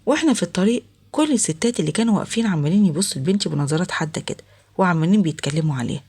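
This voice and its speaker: A woman with an Egyptian Arabic accent telling a family story in the first person, in a steady narrating delivery. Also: on the low side, rapid-fire, breathy edge.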